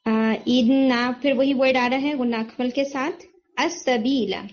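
A woman's voice: sits high, fairly even intonation, normal speed, dull audio. A woman teaching Quran recitation rules, patiently quizzing her students and confirming their answers as she explains, mixing in English terms.

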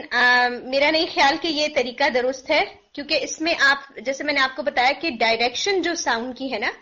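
Bright high-voiced woman teaching pronunciation. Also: highs cut off. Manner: demonstrates sounds by voicing them slowly; mixes English phrases into Hindi-Urdu. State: sore throat, clears it often. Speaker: teacher of Quranic recitation. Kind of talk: pronunciation lesson.

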